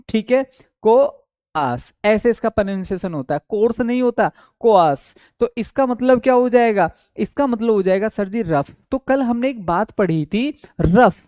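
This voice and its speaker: Male tutor for an online exam-prep class, warm mellow tone, dry close sound, answers his own questions and stretches key words slowly. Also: high-pitched, no echo. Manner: asks questions and answers them himself, drawing out key words; repeats words slowly for memory. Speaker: English vocabulary teacher.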